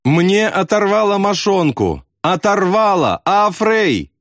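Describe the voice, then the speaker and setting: Wounded young airman, pleading and near tears, pitched high and strained; a male narrator puts him on. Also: sing-song, slow pace, fairly bright tone, no room sound, clean studio sound, full character voice. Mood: panicked.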